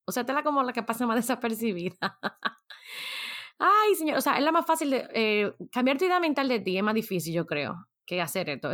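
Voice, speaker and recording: A woman talks at an ordinary mid pitch in a loose, chatty motivational style. She keeps turning questions back on the listener as she coaches them. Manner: conversational, asks listeners many rhetorical questions. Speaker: motivational speaker. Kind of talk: casual motivational talk.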